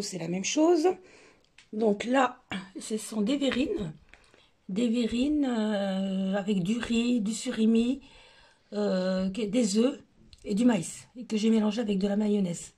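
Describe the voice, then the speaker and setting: A woman with a hoarse, sore throat, casually talking through her buffet recipes and table decor, hesitating often with fillers. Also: mid-range voice, warm tone. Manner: chatty, hesitant with many fillers. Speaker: home cooking vlogger. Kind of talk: casual cooking and decor walkthrough.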